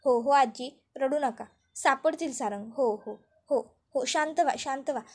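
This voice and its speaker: A woman's voice: sits high, measured pace. A woman voicing a scheming young wife who soothes falsely and fakes her grief. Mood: fake soothing.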